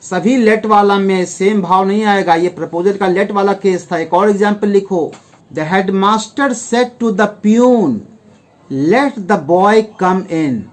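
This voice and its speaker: A man with an Indian accent teaching an English grammar lesson, explaining step by step, asking the class questions and acting out small example dialogues. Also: high-pitched. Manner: acts out little example dialogues.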